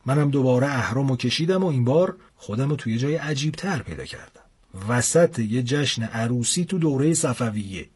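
A young man narrates a comic first-person adventure in a casual, lively way. His voice sits at middle pitch. It has a husky grain. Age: young adult.

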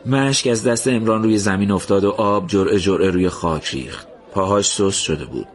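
A man narrating a story in a slow, measured, somber reading. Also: fairly low pitch.

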